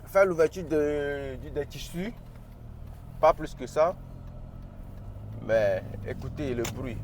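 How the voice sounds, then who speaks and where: A man's voice: a little high, slight background noise. A man with a Cameroonian accent, chatting and joking through a casual car review while driving. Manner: chatty and joking, shows features as he goes. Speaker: car vlogger.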